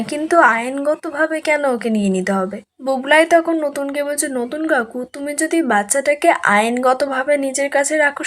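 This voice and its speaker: A woman retelling a TV serial episode, narrating the plot and reading each character's lines in her own voice. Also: high voice.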